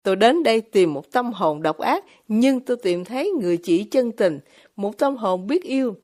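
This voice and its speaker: A woman voicing a gentle, devout young man in an audiobook, speaking earnestly and firmly. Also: medium pitch, expressive, normal speed, natural voice. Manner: earnest, firm, heartfelt. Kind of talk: audiobook character reading.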